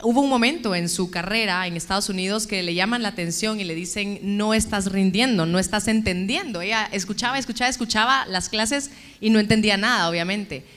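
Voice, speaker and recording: A woman's voice: medium pitch, brisk, fairly bright tone. Female host guiding an interview and addressing the audience, in a hall with echo. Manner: addresses the audience, leads questions. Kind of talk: interview hosting. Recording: echoey hall.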